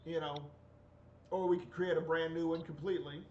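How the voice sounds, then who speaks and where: A man's voice: fairly high pitch, steady tone, brisk, darkish tone. Hesitant man in his forties, echoey and distant. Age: 40s. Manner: hesitant, many fillers and restarts. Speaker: podcast co-host. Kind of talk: casual chat. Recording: distant echoey muffled mic with faint hiss.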